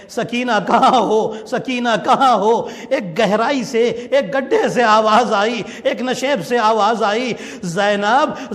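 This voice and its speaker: A man with a high voice delivers an impassioned mourning sermon to his listeners, rising into chanted lament. His voice rings out with a long reverb, recorded in a large hall. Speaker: preacher.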